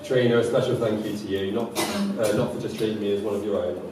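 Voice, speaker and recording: A man's voice: lowish voice, steady tone, fast. A young man giving an informal, chatty wedding speech as the groom, joking and stumbling over words. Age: young adult. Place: large echoey wedding venue with guests. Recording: very echoey, noisy room, distant mic.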